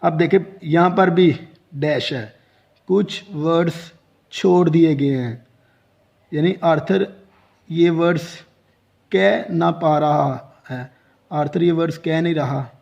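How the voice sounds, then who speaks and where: A man with a Pakistani accent giving an English lesson, reading story lines at a slow, careful pace. His voice is dark and gravelly. The recording is dull and lo-fi. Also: on the high side. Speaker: English teacher. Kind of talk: lecture reading and translating a story line by line.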